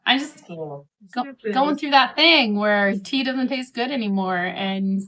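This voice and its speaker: A woman's voice: on the high side, expressive, slow, a bit bright, highs cut off. A middle-aged woman chats casually to camera while eating a steak dinner, rambling along and often quoting herself as she goes. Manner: chatty, rambling, self-quoting. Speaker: vlogger.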